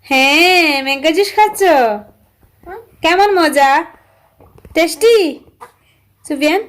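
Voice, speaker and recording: This is a young woman with a noticeably high voice, chatting casually in a family vlog. She gently coaxes her little ones, asking one short question after another. The tone is easy and homely, like a mother talking to her children. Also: takes it slowly. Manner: gently coaxing, asks many short repeated questions.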